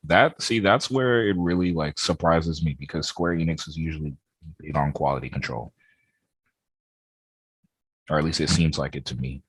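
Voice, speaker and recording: A man's voice: rumbling low, moderate pace, pauses often, slightly rough, no room sound. A man co-hosting a gaming podcast, talking casually and rambling with lots of fillers over a remote call. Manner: relaxed, rambling with many "like" fillers. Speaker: podcast co-host.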